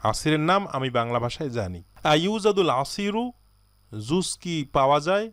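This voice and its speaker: A man with a slightly high voice is recorded dry and close. He teaches an Arabic lesson, drawing each phrase out slowly before rattling through the explanation. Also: big pitch swings, clean tone, dry recording.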